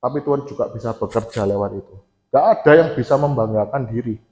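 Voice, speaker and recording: A man's voice: medium pitch, fast talker, a little mellow. A male preacher with an East Javanese accent, giving a conversational sermon in a church and often addressing the congregation directly. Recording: echoey church hall, dull sound.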